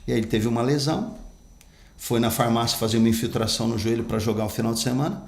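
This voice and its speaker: A man's voice: medium pitch, fairly even intonation, quick pace, gravelly, darkish tone, echoey room. A man, an actor and pastor telling his life story in an emphatic, earnest way as a podcast guest. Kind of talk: personal storytelling in an interview.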